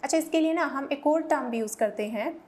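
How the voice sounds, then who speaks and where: High-voiced woman teaching English vocabulary. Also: a little mellow. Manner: explains in Hindi, reads English examples slowly and clearly; urges viewers to repeat pronunciations aloud. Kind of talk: vocabulary lesson.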